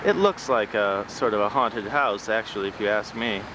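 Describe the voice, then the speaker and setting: A man's voice: fairly low pitch, moderate pace, background noise. A man casually narrating a home video of his town outdoors. He rambles wryly and mocks himself, heard through the built-in microphone of an old VHS camcorder tape. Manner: rambling and wry, with self-mocking asides. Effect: old VHS camcorder tape sound. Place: outdoors around town streets and a riverside.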